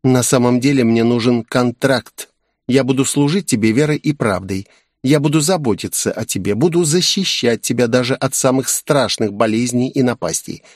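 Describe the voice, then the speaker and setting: A man's voice: mid-range voice, normal speed, no echo, studio quality, lightly acted. A man voicing a coy, playful female demon guardian in an audiobook, purring and teasing. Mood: coaxing. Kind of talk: audiobook character voice.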